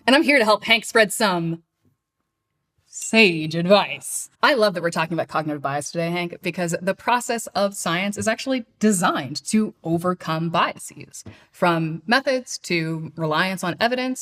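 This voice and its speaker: A woman's voice: medium pitch, a bit bright. A woman appearing as a guest on an educational show, explaining science in a bubbly, enthusiastic way. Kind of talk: scripted educational dialogue.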